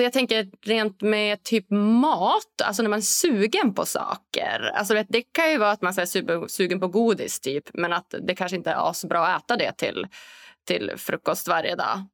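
A woman hosting a podcast in casual conversation, lively and quick to act out what other people say. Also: mid-range voice, gravelly. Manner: lively, acts out others' lines in a raised voice. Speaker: podcast host.

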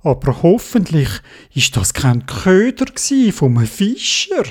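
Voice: mid-range voice, big pitch swings, slow, darkish tone, slightly rough, exaggerated voice. A storyteller voicing a kindly teacher of the little sea creatures. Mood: concerned.

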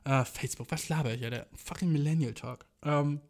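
Young man, twenties, high voice, casual rambling monologue, slangy, swearing, filler words. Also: brisk. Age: 20s. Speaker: podcast host.

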